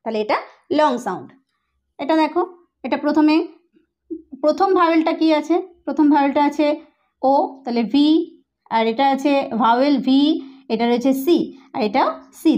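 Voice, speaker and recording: A woman teaching a lesson on English pronunciation, explaining step by step and often asking if it is clear. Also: high-pitched, lively intonation, moderate pace, long pauses, darkish tone.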